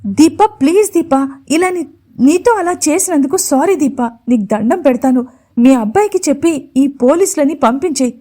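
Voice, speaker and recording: A woman voicing a sharp-tongued, tearful young woman, angry and sarcastic by turns. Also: high voice, animated, normal speed. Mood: pleading. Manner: angry, sarcastic, then pleading.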